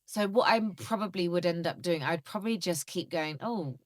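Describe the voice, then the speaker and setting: A woman with a low voice trades jokes on a comedy podcast, blunt and playful with an animated delivery. The sound is dry and close, with no room around her. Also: fairly quick, no echo. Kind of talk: casual comedic chat.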